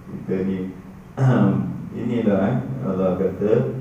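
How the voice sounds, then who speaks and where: A man giving a religious lecture, telling anecdotes in a lively way with frequent chuckles and asides to the audience. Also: low-pitched, takes it slowly, a little hiss or hum. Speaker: religious teacher. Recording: echoey, distant, dull room recording.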